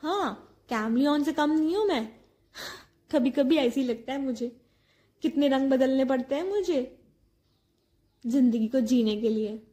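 A woman's voice: high voice, lively intonation, unhurried, pauses often, warm tone. A woman in her thirties telling comic housewife stories in a chatty, exasperated way. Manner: chatty, exasperated storytelling with acted-out quotes. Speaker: housewife comedian. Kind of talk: comic monologue.

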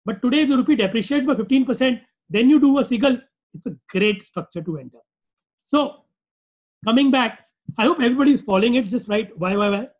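A man's voice: very high voice, lively intonation, fast talker, rough recording. A man with a North Indian accent presenting an informal finance webinar in a conversational, repetitive way with rhetorical questions. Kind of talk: informal webinar lecture with acted-out client dialogue.

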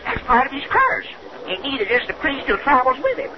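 An actor playing a gruff, superstitious old sea-dog uncle, blustering in salty dialect in an old radio drama. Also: male voice, very high voice, huge pitch swings, fairly quick, crowd noise, full character voice. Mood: alarmed, blustering. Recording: noisy, muffled old radio recording.

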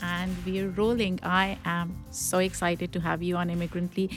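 A woman's voice: fairly low pitch, level tone, moderate pace, music in the background. A woman hosting a podcast interview, asking curious questions and affirming her guest with short interjections. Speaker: podcast host.

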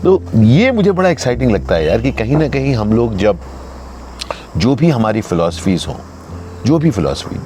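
A man's voice: medium pitch, very animated, moderate pace, warm tone. A man in his fifties, hosting a thoughtful, musing conversation and mixing in English phrases. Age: 50s. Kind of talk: reflective casual conversation. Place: outdoors in green surroundings. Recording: music playing behind the talk.

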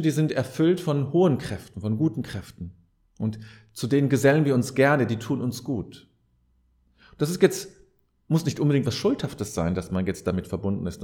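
Earnest and preacher-like, a podcast host speaks straight to the listener in a reflective advice monologue, repeating key phrases for emphasis. His voice is medium-pitched and a little mellow.

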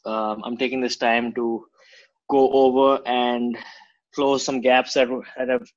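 A man's voice: medium pitch, flat delivery, measured pace, no room sound. Indian man, dry, slightly dull recording. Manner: informal, blunt, slangy. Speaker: martial arts coach, interview guest. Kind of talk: casual interview chat.

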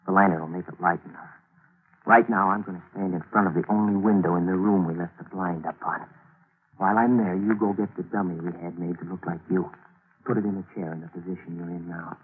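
The 1940s radio drama's narrator and lead is a cool male schemer working on a cover-up, voiced by a man with a low, husky tone. He talks fast and steadily, clipped and commanding, with a cold edge. The recording is tinny and hissy.

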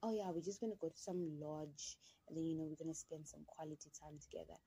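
A woman voicing a pushy older man who coaxes a schoolgirl in a low, hushed, wheedling tone. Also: quick pace, vocal fry, slightly rough, dry recording, exaggerated voice, rough recording. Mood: coaxing.

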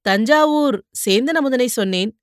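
A woman's voice: a little high, expressive, normal speed, dry recording, clean studio sound, lightly acted. A woman voicing a vain, teasing young male warrior in playful banter, in an audiobook.

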